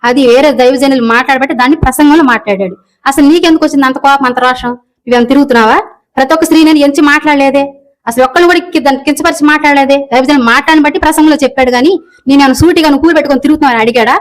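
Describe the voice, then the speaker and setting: Woman, high pitch, very fast, reproachful rant full of questions. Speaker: video commenter. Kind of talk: angry rant.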